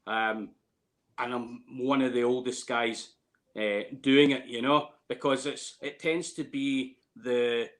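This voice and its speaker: Male, late 50s, Scottish accent; casual interviewee, hesitant rambling storyteller with an average-pitched voice. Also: fairly even intonation, takes it slowly. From Scotland, near Glasgow. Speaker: distillery warehouse tour guide.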